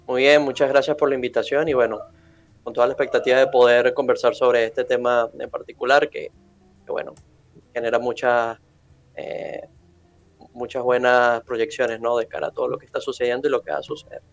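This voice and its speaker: A man, answering interview questions in a measured, formal way with many fillers. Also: mid-range voice, little pitch movement, dull audio. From Venezuela. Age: 20s. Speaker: interview guest.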